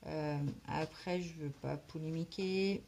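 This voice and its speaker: A craft vlogger colouring in a book chats casually while she works, hesitant and rambling as she thinks aloud. Her low voice is slow, fairly even, gravelly and a little mellow, with a slight smoker's cough and faint background noise.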